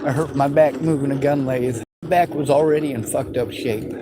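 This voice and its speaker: Bitter and cursing, a western US man in his forties takes viewer questions on his vlog in an angry, unscripted monologue. He talks at normal speed in a steady, mid-range voice against a noisy background.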